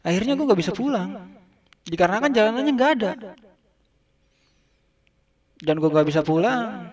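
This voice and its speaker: A man's voice: high-pitched, lively intonation, moderate pace, dull audio. A man performing a stand-up comedy monologue, telling an absurd, repetitive story in casual slang. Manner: shouts out acted lines of dialogue.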